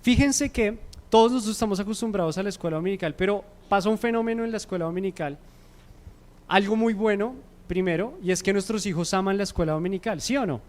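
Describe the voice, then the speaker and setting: A man's voice: sits high, fast talker, darkish tone. A man preaching a class for parents at a church service, often asking the congregation questions. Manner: asks the audience frequent questions. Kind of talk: church teaching talk.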